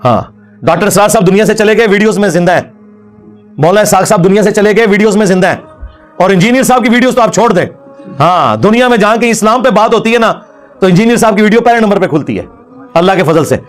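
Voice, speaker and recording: High-voiced mocking scholar. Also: male voice, animated, faint music behind. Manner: mocking, laughs while arguing. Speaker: Islamic scholar. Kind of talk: religious lecture.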